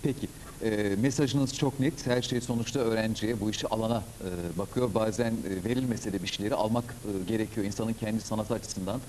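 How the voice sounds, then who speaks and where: A man in his thirties hosting a studio TV interview on a lapel mic, asking quick, rambling questions and often agreeing with fillers. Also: lowish voice, steady tone, a little mellow, a little hiss or hum, rough recording. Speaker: TV show host.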